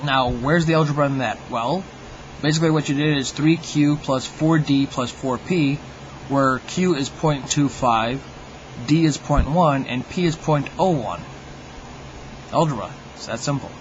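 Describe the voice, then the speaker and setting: Wry man with a higher-middle lo-fi voice. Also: measured pace, a little hiss or hum. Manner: wry, mock-opinionated, tongue-in-cheek. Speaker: video host. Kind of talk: humorous monologue to viewers.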